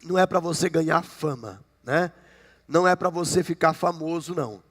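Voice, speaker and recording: This Brazilian man in his fifties has a voice on the high side and speaks at a moderate pace. He pastors a congregation, preaching conversationally with jokes and frequent "né?", while the church sanctuary adds long hall reverb.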